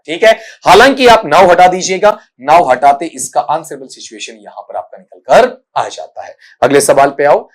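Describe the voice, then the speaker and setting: A middle-aged male English teacher explaining exam grammar and pronunciation in Hindi, calling his students "beta", sounding words out slowly and leaning on the filler "aapka". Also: a little high. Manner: addresses students as "बच्चा" and "बेटा", spells and sounds out words slowly; filler "आपका" repeated constantly.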